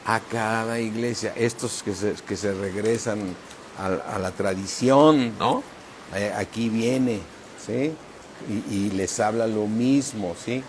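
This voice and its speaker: A man's voice: fairly low pitch, a little hiss or hum. A man preaching a sermon as pastor, emphatic and often asking "¿sí?" of the congregation. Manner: slow, emphatic preaching with frequent "¿sí?" checks.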